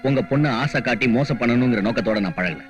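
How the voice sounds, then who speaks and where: A man's voice: mid-range voice, lively intonation, fast talker, highs cut off, faint music behind, lightly acted. An actor playing a bashful, earnest young man in love in a film drama. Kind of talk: film dialogue.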